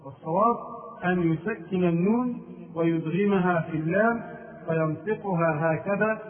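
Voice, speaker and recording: High-voiced man giving a religious lesson, tinny. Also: normal speed, distant mic. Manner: lists errors methodically, chants call-to-prayer phrases as examples. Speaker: Islamic scholar.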